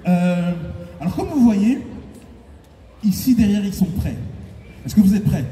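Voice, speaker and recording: A high-voiced, very animated man takes his time bantering with a convention crowd as singer and host of the concert. Playful and teasing, he laughs often and rallies the audience in a big indoor hall. His handheld mic is heard through a distant, echoing PA, recorded from the crowd with background noise and loud cheering.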